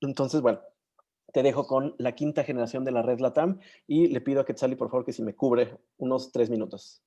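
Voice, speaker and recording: Hosting a casual online session over a video call, this moderator has a warm, mellow voice of medium pitch, with the highs cut off. His delivery is halting, with frequent pauses as he hunts for words and names.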